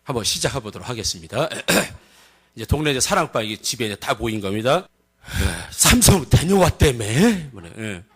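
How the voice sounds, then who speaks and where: A male pastor preaching a sermon with animated storytelling and laughter. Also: lowish voice, fairly quick. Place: church sanctuary.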